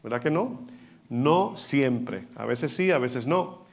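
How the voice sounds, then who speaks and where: A male pastor preaching a sermon, animated and asking the congregation rhetorical questions. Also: medium pitch, slow, vocal fry. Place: church hall.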